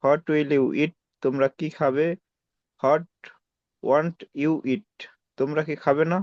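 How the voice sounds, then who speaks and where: A male student reading English practice sentences aloud, halting and repeating each one. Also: on the high side, steady tone, darkish tone, dry recording, lo-fi sound.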